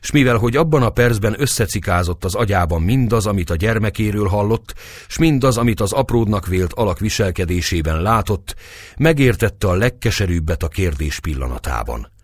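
A man narrating a historical novel as an audiobook, reading in a dramatic, expressive way. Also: lowish voice, no room sound, clean studio sound.

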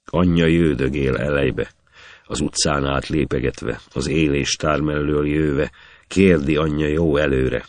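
A man recites an old epic poem in steady, rhythmic verse. His voice is extremely low, and the recording is dry and close with no room echo. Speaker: reader.

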